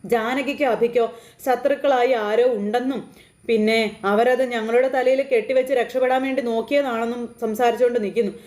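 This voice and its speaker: A woman's voice: on the high side, steady tone, fairly quick, a little mellow. A woman casually retelling a TV serial episode in a chatty way, adding tag fillers and repeating what the characters said. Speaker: recap narrator of a TV serial. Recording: roomy echo.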